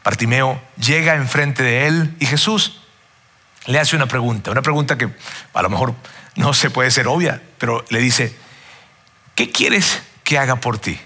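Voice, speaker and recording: A man's voice: mid-range voice, moderate pace, sharp tone. A man preaching a sermon earnestly and emphatically, often calling his listeners friends.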